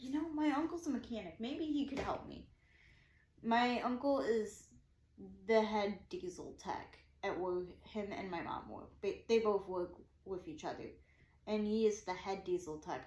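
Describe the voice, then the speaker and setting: With a fairly high, slightly bright voice, a woman in her twenties shares a story vlog-style. It's casual and rambling, full of repetition as she voices her own thoughts, and the room has a noticeable echo.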